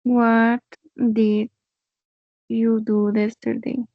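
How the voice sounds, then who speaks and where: Very slow, gravelly-voiced student woman. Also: a little high, little pitch movement, dry recording, lo-fi sound. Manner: hesitant, halting reading of English. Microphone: video call.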